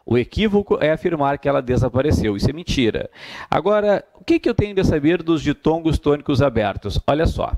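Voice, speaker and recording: A man's voice: on the high side, sing-song, a little fast, a little mellow. A man with a Brazilian Portuguese accent teaching an exam-prep grammar lesson, emphatic, repeating key points and answering his own questions.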